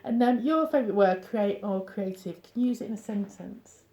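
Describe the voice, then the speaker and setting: A woman interviewing an artist, upbeat and encouraging, with quick friendly responses. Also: mid-range voice, dark tone, slight background noise. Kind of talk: casual interview hosting. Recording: echoey room.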